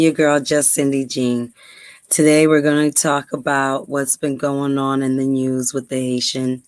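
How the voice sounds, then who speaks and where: A dry-voiced woman from New York, USA, speaks in a bass register with no room sound. As a podcast host doing casual commentary and reading aloud, she keeps things conversational, ums frequently, and speeds up for emphasis.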